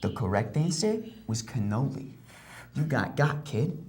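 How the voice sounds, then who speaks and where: A woman's voice: extremely low pitch, very animated, a little slow, darkish tone, heavily acted. A woman acting a pushy, mock-indignant game-show host in a comedy sketch. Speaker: sketch performer.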